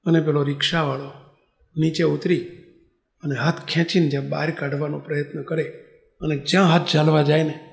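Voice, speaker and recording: A man preaching a devotional story in an animated way, with a high voice and a gravelly texture. The sound echoes around a roomy hall. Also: a little fast. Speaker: spiritual leader.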